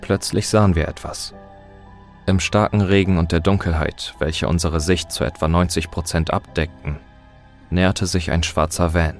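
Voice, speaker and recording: A man with a very low voice narrates a scripted horror story in a steady, dramatic reading. Quiet music runs softly behind his voice. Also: moderate pace.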